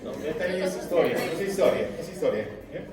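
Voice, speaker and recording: Joking lecturer in an echoey classroom. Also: male voice, high voice, a little fast, a loud crowd. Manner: animated, joking, addresses students directly. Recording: echoey room, mic far off, noisy.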